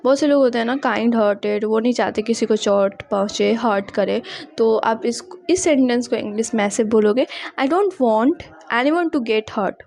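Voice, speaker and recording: A young woman teaching spoken English, mixing Hindi explanation with slow, carefully repeated English example sentences. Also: fairly high pitch, gravelly, a little mellow, a little hiss or hum.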